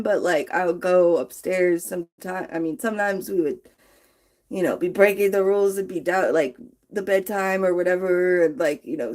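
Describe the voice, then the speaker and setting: A woman's voice: lowish voice, a little mellow. A woman chatting casually on a late-night livestream, sleepy and yawning, rambling from one thought to the next.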